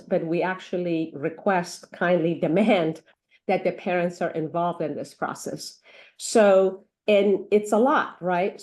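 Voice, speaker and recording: In an interview conversation, a woman pediatrician of middle age talks earnestly, often restarting and using fillers. Her voice is lowish and a little mellow, and English isn't her first language, having grown up in Iran and Africa.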